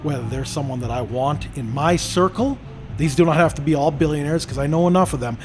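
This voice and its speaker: A man's voice: a little high, a little fast, over music. A middle-aged man from Canada hosting a podcast, talking in an emphatic, lecturing way. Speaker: podcast host. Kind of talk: casual conversation.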